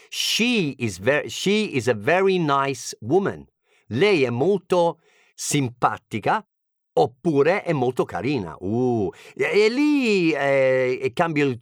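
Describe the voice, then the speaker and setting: A man with an English accent teaches in an unhurried way, his pitch swooping up and down as he jokes. The sound is close and dry, with no room around it. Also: no echo. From England (Birmingham). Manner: playful, joking asides. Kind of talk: humorous language lesson.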